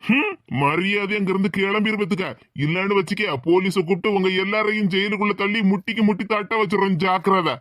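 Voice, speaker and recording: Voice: medium pitch, fairly even intonation, a little fast, fairly bright tone, no echo, studio quality, lightly acted. A voice actor playing a hot-tempered village man with a Tirunelveli accent, scolding and threatening his niece in a cartoon. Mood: angry scolding. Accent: Tirunelveli Tamil.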